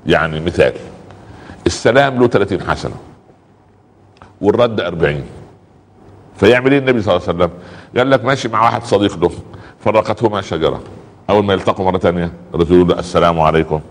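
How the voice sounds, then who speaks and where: Deep fast-talking Egyptian preacher. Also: male voice, in a large hall. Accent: Egyptian Arabic. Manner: conversational, repeats pious exclamations, acts out little dialogues. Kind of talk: colloquial religious talk.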